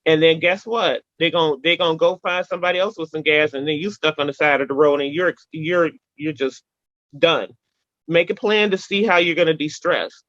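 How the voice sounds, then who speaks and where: A woman guest in a casual interview, telling animated stories with emphatic repetition and playful sound effects. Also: sits low, moderate pace, dry recording, dull audio.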